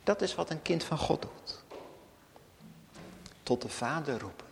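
A high-voiced man delivers a slow, solemn sermon, his pitch rising and falling widely as he swells to emphasis and then sinks almost to a whisper. His words carry a long church reverb. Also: lively intonation, gravelly, a little hiss or hum. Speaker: pastor. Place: church hall.

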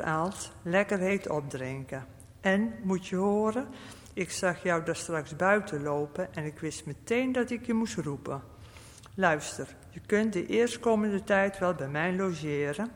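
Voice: medium pitch, animated, unhurried, lightly acted. A storyteller voicing a cheerful, hospitable old man with a cracked voice, chatty and welcoming. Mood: friendly. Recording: long reverb.

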